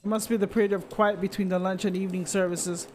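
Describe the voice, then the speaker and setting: High-voiced man reading a story aloud. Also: fast talker, slight background noise. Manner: steady reading with occasional slips and restarts. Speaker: streamer.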